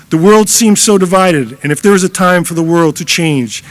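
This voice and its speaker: Retired teacher addressing graduates. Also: male voice, a little high. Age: older.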